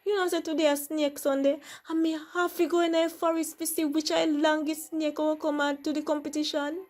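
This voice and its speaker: A woman's voice: high-pitched, flat delivery, fairly quick, a little mellow, pitched above the performer's own voice, close to an everyday voice. A Jamaican-accented woman voicing a fun-loving young male crab in a storybook tale, wheedling and full of excuses. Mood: breezy excuses. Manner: wheedling, putting things off. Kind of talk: storybook character voice.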